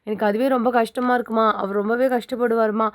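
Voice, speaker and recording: A woman's voice: on the high side, fairly even intonation, quick pace, close to an everyday voice. A woman voicing a tearful young wife who speaks in sad, distressed pleading.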